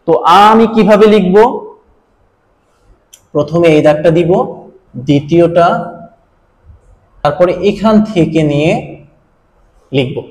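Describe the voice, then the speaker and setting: A man's voice: sits high, a little mellow. A man from Bangladesh teaching a Japanese language lesson, explaining patiently step by step and repeating key points. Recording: roomy echo.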